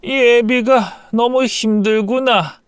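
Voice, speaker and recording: A man's voice: very high-pitched, fairly even intonation, slow, smooth, dry recording, clean studio sound, pitched above the performer's own voice. A man voicing a crude old ex-convict father-in-law who bellows threats and then whines for forgiveness, in an audio story. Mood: pleading.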